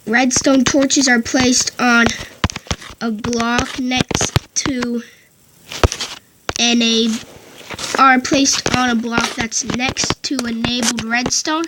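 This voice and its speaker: A woman with a higher-pitched voice and a flat delivery narrates a casual game tutorial into a headset with a built-in mic. She speaks haltingly, frequently correcting herself and restarting. Loud background noise comes through the headset mic.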